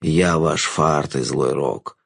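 Audiobook villain: a hushed, mocking jester with a low, slow delivery, read by a man. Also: fairly even intonation, vocal fry, breathy edge, no echo, clean studio sound, full character voice. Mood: sly, mocking. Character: scheming sly male jester villain, mocking.

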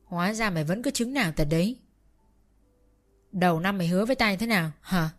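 Enraged elderly father, shouts every line; woman narrator plays him. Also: mid-range voice, animated, fairly quick, close to an everyday voice. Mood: furious. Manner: harsh, bellowing scolding. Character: furious old father-in-law, shouting man.

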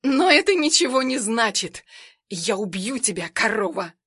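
A woman voicing a furious, reckless young woman holding someone at gunpoint, snarling and shrieking her threats in a hoarse voice. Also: fairly high pitch, sing-song, moderate pace, sharp tone, no room sound, clean studio sound, full character voice.

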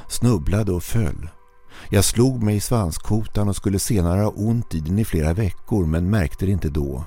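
A man narrating a scripted horror story in a measured, steady way. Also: low voice.

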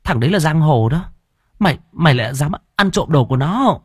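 A man's voice: on the low side, expressive, brisk, slightly rough, dry recording, clean studio sound. A man reading the lines of a brash, blunt young woman in an audiobook. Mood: excited. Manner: loud, blunt, crude talk.

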